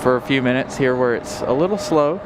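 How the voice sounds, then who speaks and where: A man's voice: mid-range voice, brisk. Man talking through a full face mask. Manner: relaxed, chatty, rambling with fillers. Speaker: plane spotting live streamer. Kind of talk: casual live commentary. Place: outdoors near an airport on a very windy day. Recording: windy outdoor live stream, steady wind noise.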